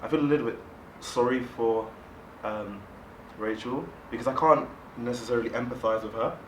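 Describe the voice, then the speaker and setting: A man in a casual group discussion, speaking hesitantly and softly, with many pauses and fillers. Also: mid-range voice. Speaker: discussion panelist. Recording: echoey room, distant mic, background noise.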